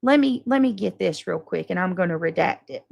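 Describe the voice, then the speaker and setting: Speaking off the cuff to her subscribers and moderators, a woman livestreamer sounds casual, defensive, emphatic and exasperated, swearing and talking coarsely. Her lowish voice is expressive, brisk, gravelly and a little mellow. The recording is muffled but has no echo.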